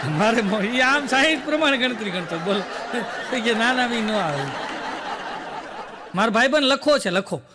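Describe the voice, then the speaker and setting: A man doing stand-up comedy, telling jokes rapidly and acting out the dialogue of his characters. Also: very high-pitched, in a large hall, background noise. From Gujarat, India. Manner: rapid joke telling, acting out quoted dialogue, frequent rhetorical "બોલો". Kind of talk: Gujarati joke telling on stage.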